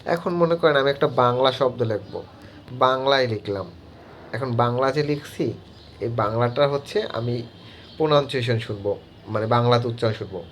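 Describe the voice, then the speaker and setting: A man's voice: mid-range voice, a little hiss or hum. Man teaching, full of filler words. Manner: halting, heavy use of filler words. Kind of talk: screen-recorded app tutorial.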